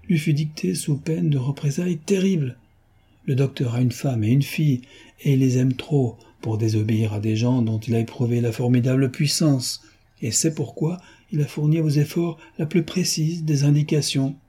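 A man's voice: medium pitch, normal speed, mellow, breathy edge. A man voicing an eager young amateur detective, insistent and fervent, in a storybook reading.

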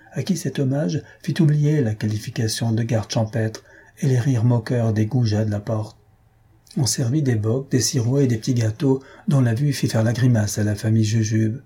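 A man reading a comic novel aloud as an audiobook narrator, in a steady, measured storytelling manner with a husky voice. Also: mid-range voice.

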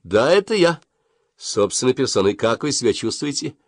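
A man's voice: mid-range voice, big pitch swings, moderate pace, dry recording, pitched above the performer's own voice. Guy doing a ringing sarcastic mom voice, jumpy and singsong, dry sound. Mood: sweet. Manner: sarcastic, sing-song. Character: sarcastic, lively middle-aged mother. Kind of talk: audiobook character voice.

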